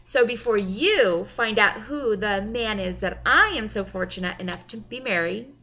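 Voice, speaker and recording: A woman narrating an audiobook in the first person in a wry, expressive way. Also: mid-range voice, moderate pace, muffled recording.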